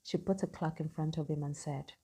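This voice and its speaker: A woman narrating a scripted story in an even, matter-of-fact way. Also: low voice, a little fast.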